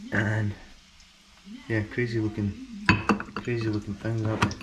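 A young man with a New Zealand accent, casually talking through cooking in his home kitchen, relaxed and chatty, repeating words as he explains. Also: lowish voice, a little slow, a loud crowd. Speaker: vlogger. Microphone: action camera. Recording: noisy home video with background hum.

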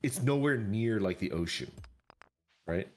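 A man's voice: fairly low pitch, lively intonation, a little slow, faint music behind. A man hosting a game stream, chatting casually and laughing easily. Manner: giggly, chatty, bursts out laughing. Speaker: streamer host. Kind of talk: casual gaming chat.

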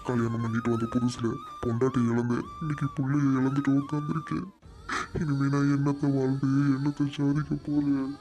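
A man playing a grieving old father, flat and mellow. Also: medium pitch, fairly quick, faint music behind, lightly acted. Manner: lamenting, mournful complaint. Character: grieving widowed old father, lost and hopeless. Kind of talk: amateur Tamil family drama acting.

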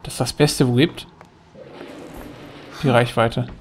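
A man's voice: mid-range voice, steady tone, slow, a little hiss or hum. A man giving casual, chatty commentary while playing a video game, thinking aloud as he goes. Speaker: let's play gamer.

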